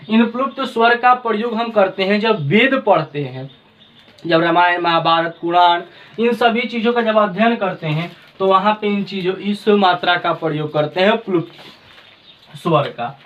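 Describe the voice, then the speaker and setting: A man's voice: high-pitched, lively intonation, unhurried, a bit bright, dull audio. A man teaching a grammar lesson, patient and repetitive, putting questions to his students. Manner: patient, repeats points, asks the class questions. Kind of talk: classroom lesson.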